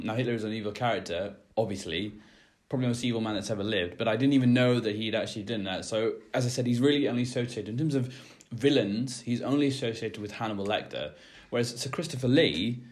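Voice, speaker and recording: A man making an earnest, hesitant rebuttal in a casual debate. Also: medium pitch.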